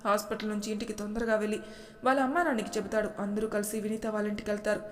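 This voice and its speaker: A woman storyteller narrating a family drama serial in a steady, even manner. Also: mid-range voice, rapid-fire. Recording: echoey room.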